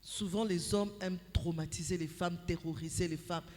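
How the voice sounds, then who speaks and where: A woman with a Congolese accent preaching at a couples' retreat, animated and acting out conversations with her husband, slipping into Lingala phrases. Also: lowish voice, moderate pace, soft background music. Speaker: pastor speaking at a couples' retreat. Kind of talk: sermon. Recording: long hall reverb.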